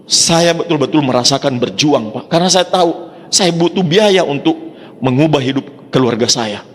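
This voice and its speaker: A man's voice: on the high side, lively intonation, normal speed. A man giving a motivational talk to an audience, telling his story with acted-out dialogue and frequent direct address. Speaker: motivational speaker. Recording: long hall reverb.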